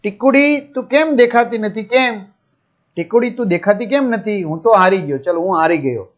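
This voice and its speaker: A man's voice: high-pitched, lively intonation, moderate pace, muffled recording. A man voicing a big, playful male elephant who boasts like a child in a storybook tale for young pupils. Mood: puzzled, pleading.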